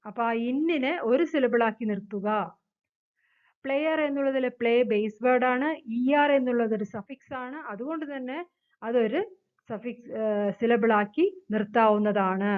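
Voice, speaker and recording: Woman, Malayali accent, grammar teacher, patient step-by-step explaining, narrow phone-like audio. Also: on the high side. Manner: explains in Malayalam, reads English rules slowly. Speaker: English teacher. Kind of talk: grammar lesson.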